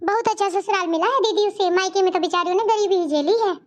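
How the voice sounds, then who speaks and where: A naive younger sister from a cartoon story, voiced by a woman. She chatters on and speaks bluntly. Her voice is very high and squeaky. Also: quick pace. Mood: chatty.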